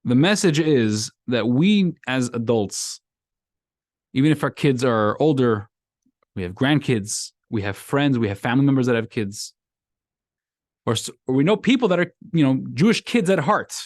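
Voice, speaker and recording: At medium pitch and a normal speed, a man from Brooklyn teaches his weekly Torah class as its rabbi, keeping it casual yet emphatic. He repeats himself and lifts his lines with animated emphasis. A classroom mic gives a dry, clean studio sound.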